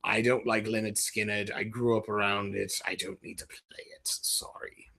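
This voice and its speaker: A man's voice: fairly low pitch, flat delivery, normal speed, vocal fry, pushed and bright. A man from Ohio rambling jokily through a casual livestream in a put-on British-sounding accent. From Ohio, USA. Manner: rambling, self-deprecating, jokey. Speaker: livestream host. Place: dim room at home.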